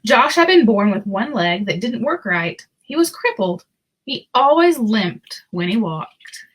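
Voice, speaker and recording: A woman in a mid-range voice narrates a children's book with deliberate, expressive storytelling, while slight noise sits in the background.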